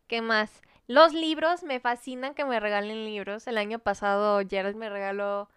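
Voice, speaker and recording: Young Mexican woman, podcast co-host, crisp voice a touch high, slangy storyteller. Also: normal speed, dry recording, clean studio sound. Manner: animated storyteller, peppers speech with slang and swearing. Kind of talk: casual chat.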